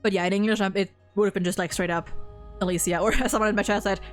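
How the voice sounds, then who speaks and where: A woman streamer co-hosts a video game story ranking, chatting casually as an effusive, sweary fan who often stammers over repeated words. Her medium-pitched voice is steady and rapid-fire, with faint music behind her.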